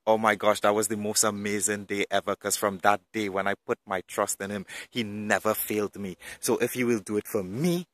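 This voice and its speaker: A man's voice: lowish voice, level tone, fairly quick, few pauses, fairly bright tone, no echo. A man telling his personal faith testimony in an earnest, emotional way, moving from storytelling into preaching.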